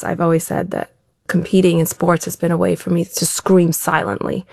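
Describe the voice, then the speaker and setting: A woman's voice: on the low side, gravelly, darkish tone, no room sound, clean studio sound. A woman answering interview questions as an elite athlete guest, talking in a reflective, open way with frequent restarts.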